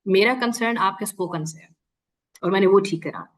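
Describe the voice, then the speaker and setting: A woman teacher leads an online class over a video call at a middle pitch. She explains things patiently and switches between Urdu and English within a sentence. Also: a little fast, poor audio. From Pakistan.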